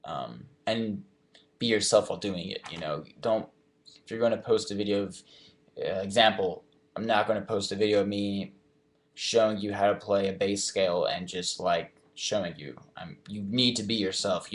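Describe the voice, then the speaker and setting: A man's voice: on the low side, moderate pace. A young man in his twenties answering fan questions in a casual live chat, reading each question aloud and then thinking it through.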